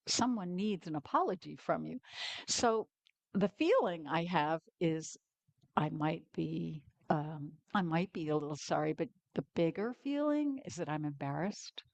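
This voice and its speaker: An older woman, a guest minister, giving a candid, personal sermon in a slow, pausing way. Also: fairly low pitch, lively intonation, gravelly, no room sound, muffled recording. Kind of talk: conversational sermon.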